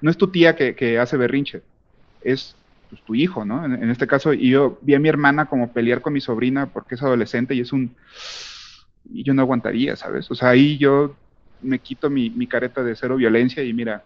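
A man's voice: medium pitch, fairly even intonation, fairly quick, dull audio. A Mexican man chatting casually as a podcast co-host, rambling with slang and frequent restarts. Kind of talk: casual group chat.

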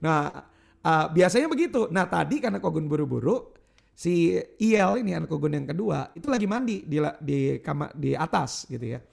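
A man in his thirties preaches to a youth church service in a high, heavily gravelly voice. He calls for the crowd's responses and slips into casual storytelling. He refers to himself in the third person. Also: big pitch swings, moderate pace. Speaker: youth pastor. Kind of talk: sermon.

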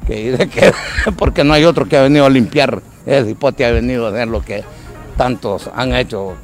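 A man's voice: mid-range voice, moderate pace, soft background music. A man giving his opinion in a street interview clip, earnest and plain-spoken. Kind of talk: vox pop interview clip.

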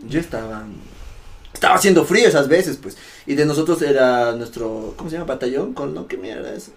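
A young man hosting a casual podcast, telling crude anecdotes from premilitary training with frequent laughter and mimicked officers' shouts. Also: a little high, lively intonation, fairly quick, gravelly. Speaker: podcast host. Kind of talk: casual chat, storytelling.

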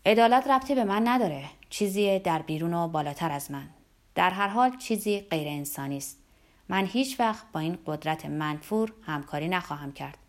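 A thoughtful male doctor in an audiobook, as a female narrator puts him on, speaking firmly and reflectively. His voice is pitched low and stays close to the reader's own. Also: expressive. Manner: firm, reflective.

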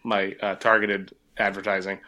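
A man's voice: low voice, flat delivery, moderate pace, pushed and bright. A man with a New England accent, co-hosting a podcast, telling stories in a casual chat with frequent laughs and swearing. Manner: laughs often, storytelling with profanity. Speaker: podcast co-host.

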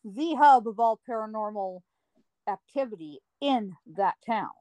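A woman guest telling a personal story in an interview, slow and dramatic with drawn-out emphasis. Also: fairly high pitch, dark tone, no room sound, rough recording. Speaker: guest recounting paranormal experiences.

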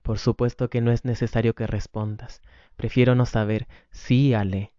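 A man reading the lines of a weary wife and mother, gentle with the children and hurt with her husband, on a dull lo-fi recording. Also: medium pitch, level tone, normal speed, clean tone, no echo, close to an everyday voice.

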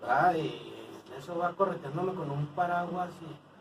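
A man's voice: on the high side, a little slow, gravelly, distant mic, slight background noise, poor audio. A man with a Mexican accent, a podcast guest, telling anecdotes in casual chat and acting out the other people in them. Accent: Mexican Spanish. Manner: tells anecdotes acting out others' lines, laughing often. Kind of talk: casual storytelling among friends.

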